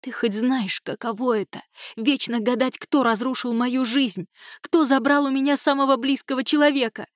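A woman reading an audiobook, voicing a distraught young woman who shouts accusations through tears. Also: a little high, moderate pace, no room sound, studio quality, lightly acted. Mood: furious, tearful.

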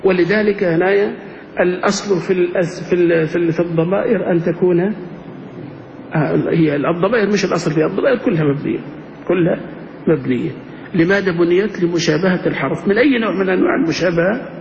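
A man's voice: sits high, fast talker, gravelly, a little hiss or hum. A man teaching grammar to a class, often checking with them through rhetorical questions. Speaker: sheikh teaching Arabic grammar. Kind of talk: classroom lesson. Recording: dull lo-fi recording.

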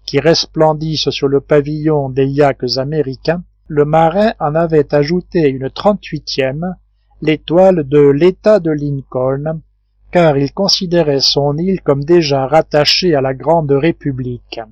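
A man reading a classic adventure novel aloud in a measured, steady narration. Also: a little high, dry recording, lo-fi sound. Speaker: audiobook reader. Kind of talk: scripted narration.

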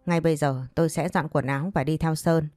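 A woman's voice: sits low, fairly even intonation, brisk, a little mellow, no room sound, studio quality, lightly acted. A woman reading an audio story, voicing a headstrong teenage girl who scolds sharply. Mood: scornful.

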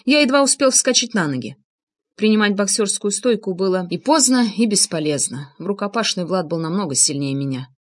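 A woman narrating an audiobook with an expressive, dramatic reading. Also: mid-range voice, fairly quick. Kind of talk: scripted narration.

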